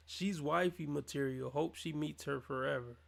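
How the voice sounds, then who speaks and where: This gravelly-voiced man, pitched on the high side, takes his time as he mocks a dating show during a livestream reaction. His commentary is a scornful rant over the clip.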